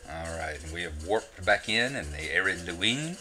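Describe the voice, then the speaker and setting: Narrating a game walkthrough, a Southern US man rambles casually through his gameplay and pokes fun at himself along the way. His low voice is pushed and bright, with lively intonation at a normal speed.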